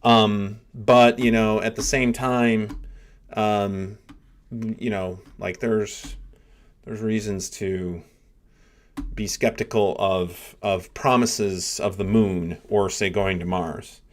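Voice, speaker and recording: Man, middle-aged, low voice, casual live commentary, rambling, many fillers. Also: steady tone, takes it slowly. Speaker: livestream host, neuroscience professor.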